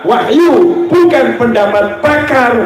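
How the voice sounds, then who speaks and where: A man with a high voice delivers a lively sermon in a way, cracking jokes and slipping into short acted exchanges. His voice rings through an echoey hall. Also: slow pace, music in the background. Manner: joking, acts out dialogue in quoted voices. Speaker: preacher. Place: religious gathering hall.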